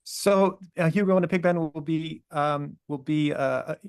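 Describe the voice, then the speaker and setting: A man's voice: a little high, measured pace, smooth. A man interviewing a filmmaker, asking long, rambling questions full of hesitations.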